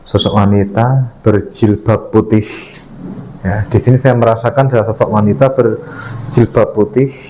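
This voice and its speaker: A man from Indonesia, narrating a night paranormal exploration vlog in short halting phrases as he explains things to viewers. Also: lowish voice, fairly even intonation, mellow, slight background noise, rough recording. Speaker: host of a paranormal exploration show.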